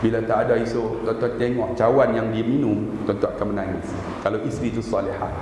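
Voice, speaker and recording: A man giving a comic sermon in a surau prayer hall, telling jokes and stories in an animated way. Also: lowish voice, fast talker. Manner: animated, joking storyteller. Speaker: religious preacher. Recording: echoey hall with PA noise.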